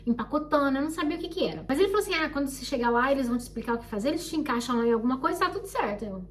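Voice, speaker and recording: Brief: young Brazilian woman, high voice, quick and expressive personal storytelling, slightly distant mic with faint hum. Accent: Brazilian Portuguese. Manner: animated, expressive, acts out quoted people. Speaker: vlogger. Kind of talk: casual storytelling.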